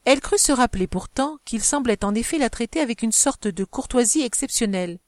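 A woman narrating a classic novel in a measured, expressive audiobook reading. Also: fairly high pitch, no room sound, studio quality.

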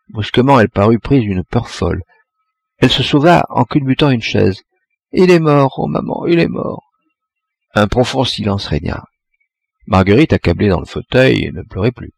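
A man narrating a classic tale in a measured, expressive audiobook reading. His voice sits low with a gravelly, husky grain, and his pitch moves a lot. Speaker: audiobook reader.

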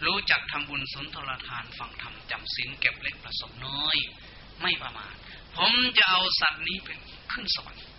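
A man voicing an underworld guard who reads out a soul's deeds in a slow, measured recitation, in a dull, lo-fi recording. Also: on the high side, expressive, lightly acted. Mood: reciting. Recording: dull lo-fi recording with faint hiss.

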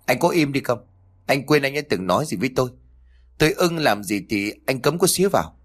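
A man voicing a sharp-tongued, scornful young wife in a spoken story, her lines pitched well above his narration and delivered snappishly. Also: lively intonation, fairly quick, slightly rough.

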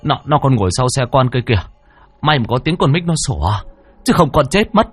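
Man doing a scared young villager, stammering, pleading, lowered husky voice. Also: sing-song, fast, soft background music. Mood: frightened.

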